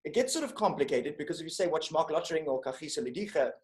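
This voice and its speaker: A man's voice: on the high side, expressive, very fast, a little mellow. A South African man, a guest comedian, talking through his arguments on a video-call podcast with frequent restarts. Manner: analytical, building arguments with restarts. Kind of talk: podcast conversation. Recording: roomy video-call audio.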